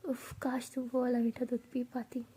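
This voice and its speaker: A woman puts on a playful, affectionate young woman from a spoken love story. Her voice sits high yet sounds dark, soft and breathy, and she teases and coaxes, often close to a whisper. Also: monotone, normal speed. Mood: teasing.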